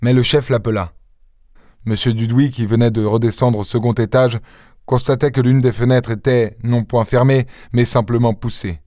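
A male audiobook narrator reading a classic tale in a steady, expressive way. His voice sits at a middle pitch and is recorded dry and close. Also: normal speed, no room sound.

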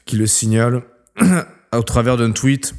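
A man's voice: medium pitch, level tone, measured pace, a little mellow. A man co-hosting a casual gaming podcast, laid-back, with stammering restarts. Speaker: podcast co-host.

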